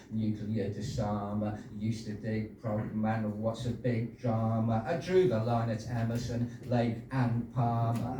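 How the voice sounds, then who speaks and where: A man in his sixties performing his own rhyming poems at an open-mic night, with halting, chatty asides between pieces and casual swearing. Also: medium pitch, warm tone. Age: 60s. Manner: rhythmic rhyming delivery, hesitant rambling asides, swears. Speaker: performance poet. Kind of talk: live poetry reading with chatty asides. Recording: very echoey room, distant, faint noise.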